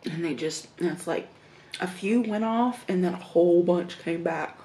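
A thirties woman with a Southern American accent slowly tells stories while eating at her home dining table, a mukbang vlogger in casual mode. Her lowish voice is reflective, with hums and soft laughs between bites. The room echoes, and there's a little hiss or hum.

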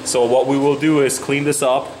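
A man's voice: medium pitch, level tone, moderate pace, background noise. A man in his thirties explaining a weld repair in casual, plainspoken terms, recorded in an indoor metal workshop on a camera mic. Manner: plainspoken, matter-of-fact, mildly profane. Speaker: welder demonstrating a repair. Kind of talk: casual shop instruction. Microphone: camera mic on a handheld camera.

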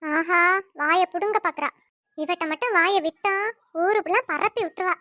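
A woman's voice: extremely high pitch, moderate pace, bright, forceful tone. A woman voicing a wary village woman who dodges questions in a family cartoon. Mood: evasive. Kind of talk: cartoon voice acting.

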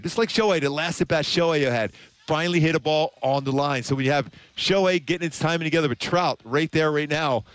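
A man in his fifties gives emphatic, conversational postgame analysis as a sports commentator, his voice fairly high with no echo. He's at an open broadcast desk on a ballpark concourse, speaking into a headset.

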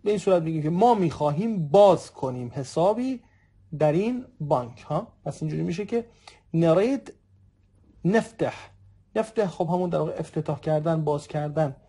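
A man in his thirties gives a recorded language lesson in a dark, gravelly, slightly husky voice. He works patiently through example sentences, repeating each phrase slowly. He speaks to his listeners as friends. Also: on the high side, lively intonation. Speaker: Arabic dialect teacher.

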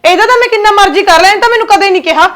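A woman's voice: extremely high pitch, racing, a bit bright. A woman playing a defensive younger daughter-in-law who pleads her case to her father-in-law and snaps back at her sister-in-law.

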